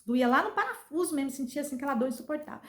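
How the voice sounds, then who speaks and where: A woman's voice: sits high, lively intonation, very fast. A woman with a Brazilian accent telling a personal story in a casual vlog, earnest and given to repeating herself. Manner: earnest, repetitive retelling. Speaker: vlogger. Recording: roomy echo.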